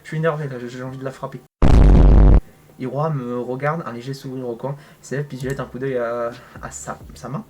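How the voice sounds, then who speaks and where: A man's voice: medium pitch, fairly even intonation, brisk, heavy background noise. A man reading a visual novel aloud, breaking off with joking, slangy comments and big reactions. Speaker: gaming content creator.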